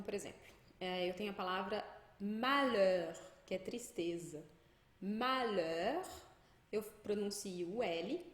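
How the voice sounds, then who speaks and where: A woman with a Brazilian accent teaches French pronunciation in a lively, emphatic, playful way. Her voice sits a little high, and the room around her sounds echoey. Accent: Brazilian Portuguese. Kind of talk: pronunciation lesson to camera.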